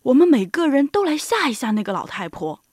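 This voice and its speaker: A woman's voice: high voice, very animated, a little fast, a little mellow, slightly rough, dry recording, clean studio sound, exaggerated voice. A woman voicing a boastful, crafty male lion in a storybook reading. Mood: scheming.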